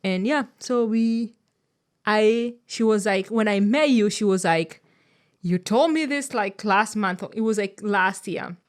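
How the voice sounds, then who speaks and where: A woman's voice: medium pitch, a little slow, clear, resonant tone. Chatty woman from Kenya, podcast co-host. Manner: chatty, storytelling. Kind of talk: casual podcast chat.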